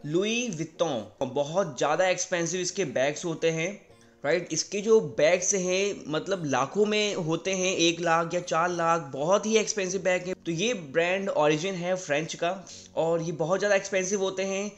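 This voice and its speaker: A young man with an Indian accent and a fairly high voice teaches a casual video lesson. He says each word slowly and asks "right?" again and again. Faint music plays behind him. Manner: repeats words slowly, often asks "right?". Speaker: English teacher.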